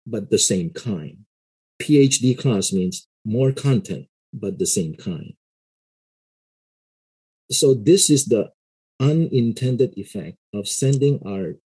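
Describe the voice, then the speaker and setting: A middle-aged man who is a pastor and seminary lecturer explains his views in a casual interview, measured and often adding "you know." His mid-range voice is mellow with a breathy edge, and the audio quality is poor.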